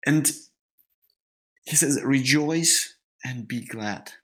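A man whose first language is Russian speaks with a heavy accent as co-host of a spiritual discussion podcast, often halting to repeat words while finding his phrasing. His medium-pitched voice is a bit bright with a breathy edge.

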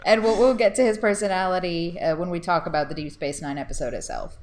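A woman co-hosting a podcast in casual, lively chat. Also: on the low side, quick pace. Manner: lively, quotes lines playfully. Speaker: podcast co-host.

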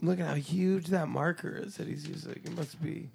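A man with a Long Island accent talks in a casual, joking podcast style. His voice sits a little high, and he likes to tease as he goes. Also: steady tone, normal speed, creaky, darkish tone, a little hiss or hum. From Long Island, New York. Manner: jokey, teasing. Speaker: podcast co-host. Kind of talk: casual comedic chat.

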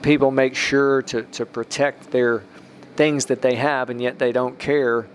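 A man's voice: medium pitch, fairly even intonation, measured pace, a little hiss or hum. Rambling man hosting a faith podcast. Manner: rambling, with restarts and emphatic rises. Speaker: podcast host.

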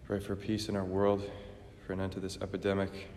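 A man's voice: sits low, monotone, brisk, a little mellow. A man acting as priest, solemnly intoning liturgical prayers in a large church with long cathedral-like reverb. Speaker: priest celebrating Mass. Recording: roomy church hall echo, faint noise.

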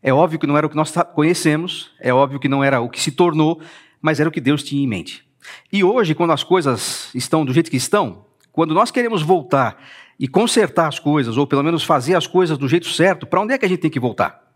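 A man's voice: on the high side, animated, fast talker. A man with a Brazilian Portuguese accent giving a conversational talk in a church, presenting his book and speaking straight to the listeners. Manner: conversational, addresses listeners directly. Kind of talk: church talk streamed live.

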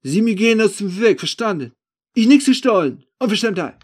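A man's voice: high voice, normal speed, a little mellow, voice pushed up. A man voicing a nervous, shifty male street thief of about forty who speaks in broken German, agitated and pleading.

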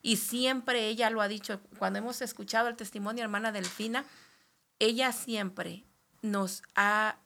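A woman pastor hosting a faith podcast, gently affirming and addressing her guest as sister. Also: mid-range voice, fairly even intonation, normal speed, vocal fry, slight background noise. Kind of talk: pastoral commentary.

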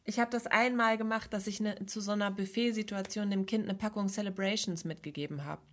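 A woman's voice: mid-range voice, fairly even intonation, fairly quick. A woman co-hosting a podcast, chatting casually and telling self-deprecating stories, often laughing. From Germany. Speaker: podcast co-host. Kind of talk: casual chat.

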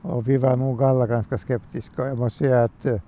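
An older man, a retired language columnist, answering interview questions in a measured, slightly hesitant way and sometimes repeating his words. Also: medium pitch, little pitch movement, dark tone. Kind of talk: thoughtful podcast interview answers.

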